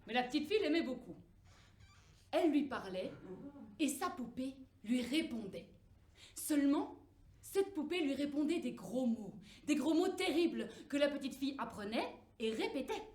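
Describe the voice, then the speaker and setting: Lively young woman telling a fairy tale. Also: sits high, normal speed, reverberant. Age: young adult. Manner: animated, laughing, playful. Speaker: drama student. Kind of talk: theatrical storytelling. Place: theater stage.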